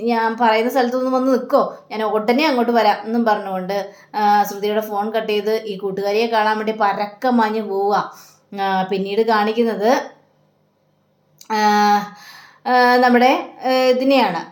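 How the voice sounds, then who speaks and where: High-voiced woman retelling a serial. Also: roomy sound. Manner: acts out each character's lines in turn, with many fillers. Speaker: serial reviewer.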